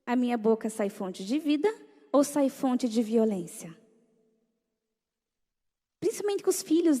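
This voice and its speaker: Woman giving a church talk, high voice, lots of questions to the crowd, big hall reverb. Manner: animated, rhetorical questions to the audience. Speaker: speaker at a church gathering.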